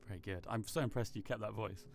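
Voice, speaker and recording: A man running a tabletop game on stream, relaxed and quick to laugh. His voice sits on the low side. Faint music plays behind him. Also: gravelly. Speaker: game master. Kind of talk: casual chat hosting a tabletop game stream.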